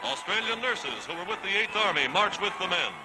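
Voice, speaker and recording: A man's voice: high voice, expressive, a little fast, heavy background noise. A man narrating a wartime newsreel in the scripted, emphatic, declamatory announcer style of the 1940s. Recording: old 1940s newsreel soundtrack, loud music. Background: loud music score.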